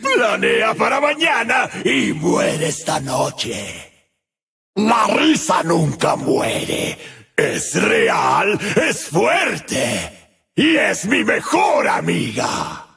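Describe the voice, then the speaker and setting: An actor voices a video game's demonic party clown with a full character voice, gravelly, raspy, and cackling, with a Latin American Spanish accent. He drags out his words, taunting in a singsong, erupting into manic shouts, and dropping into sudden low growls with huge pitch swings. Soft music plays behind this display of gleeful menace.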